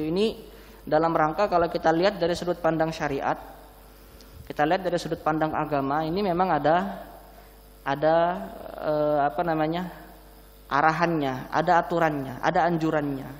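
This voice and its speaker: Indoors in a large mosque hall, a preacher gives an Islamic sermon through a face mask, slightly breathless. His fairly high voice rings with long hall reverb as he explains points conversationally and poses questions to listeners.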